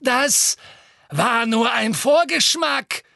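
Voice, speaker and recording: A man's voice: very high-pitched, animated, drawn-out words, vocal fry, bright, forceful tone, no echo, studio quality, pitched above the performer's own voice, exaggerated voice. A man voicing a gleeful, cruel female witch who taunts with open delight in an audiobook. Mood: gleeful cruelty. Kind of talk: audiobook character voice.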